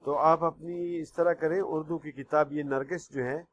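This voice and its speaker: Man, school teacher, online class lesson, patient and repetitive, slightly high-pitched. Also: steady tone, lo-fi sound, slight background noise. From Pakistan. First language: Pashto. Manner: patient, repeats words slowly, keeps asking "okay?".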